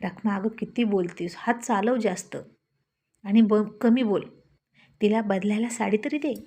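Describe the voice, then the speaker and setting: A woman's voice: medium pitch, measured pace, mellow, close to an everyday voice. A woman voicing an older village aunt who is practical, kind and given to scolding. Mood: homely.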